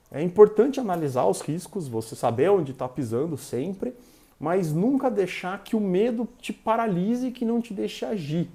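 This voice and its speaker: A Brazilian man summarizing a motivational book in a lively, explanatory way, peppered with fillers. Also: high voice. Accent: Brazilian Portuguese. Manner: animated, explanatory, frequent fillers. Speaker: network marketing presenter.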